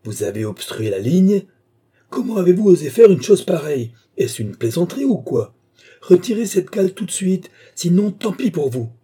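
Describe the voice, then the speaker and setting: A man's voice: medium pitch, expressive, moderate pace, breathy edge. A man doing an angry young officer. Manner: shouting, demanding. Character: young male aviator officer, angry and commanding. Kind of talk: audiobook reading.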